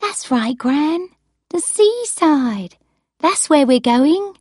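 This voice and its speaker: A woman reading an audiobook, voicing a patient, caring young granddaughter who talks brightly and coaxingly. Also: high voice, lively intonation, slow pace, dry recording, clean studio sound, pitched above the performer's own voice. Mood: reassuring.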